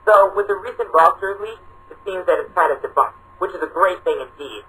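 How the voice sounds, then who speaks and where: A man's voice: high voice, lively intonation, fairly quick, poor audio. A man hosting a fan countdown video in upbeat, tongue-in-cheek scripted narration. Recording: narration over loud music.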